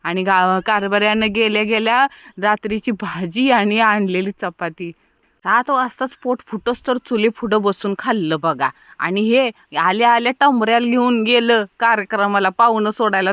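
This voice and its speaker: A woman's voice: medium pitch, moderate pace, a bit bright, no room sound, clean studio sound. A young woman, narrating her village day in a chatty, playful vlog. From Maharashtra, India. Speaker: vlogger.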